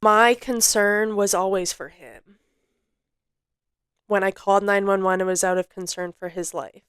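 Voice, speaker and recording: A young woman hosting a podcast, telling a personal story in an emotional, halting way with many restarts. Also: mid-range voice, steady tone, a bit bright, smooth, no room sound. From Canada. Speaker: podcast host.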